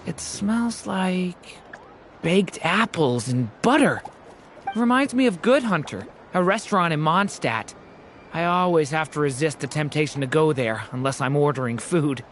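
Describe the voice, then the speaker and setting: A woman's voice: low-pitched, slight background noise. A woman playing an earnest, kindly young adventurer in a video game. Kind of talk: video game character acting.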